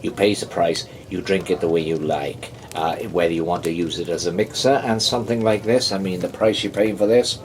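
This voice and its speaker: A man giving a casual whisky tasting review, talking in a rambling, halting way with many pauses and restarts. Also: low voice, fairly even intonation, slight background noise, rough recording. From United Kingdom. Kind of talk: casual tasting review with a joke told aloud.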